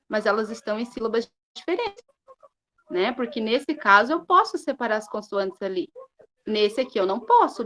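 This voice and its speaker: Slow, patient Brazilian woman teacher. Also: on the high side, fairly bright tone, rough recording. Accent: Brazilian Portuguese. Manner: slow, drawn-out syllables with frequent "né?" and "tá?" checks. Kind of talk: recorded classroom lesson.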